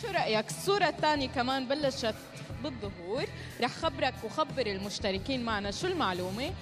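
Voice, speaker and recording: Female co-host for a live game show, Levantine Arabic accent, high-pitched, fast delivery on a handheld mic. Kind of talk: live game show presenting, chatting with contestants. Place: stage in a large indoor shopping mall. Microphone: handheld microphone.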